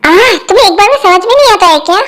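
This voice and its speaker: A woman's voice: very high-pitched, lively intonation, rapid-fire, fairly bright tone, pitched above the performer's own voice. A woman voicing a cold, short-tempered young husband who speaks curtly and harshly. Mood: cold angry. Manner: curt, harsh, scornful.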